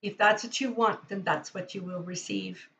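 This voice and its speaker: Speaking at a moderate pace in a mid-range, slightly bright voice, this tarot reader and livestream host talks eagerly and directly to her audience. The lo-fi recording sounds dull, with a little hiss or hum.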